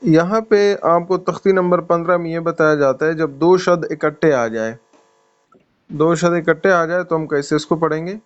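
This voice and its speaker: A man's voice: fairly high pitch, faint music behind. Male tajweed teacher on an online call: patient, explains sounds step by step, resonant voice, lo-fi audio. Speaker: Quran recitation teacher. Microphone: video call.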